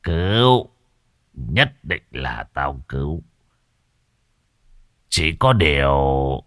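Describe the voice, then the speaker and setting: A man voicing a greedy, smug old village exorcist who talks down in a low, slow growl. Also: very animated, a bit bright, no echo, clean studio sound, heavily acted.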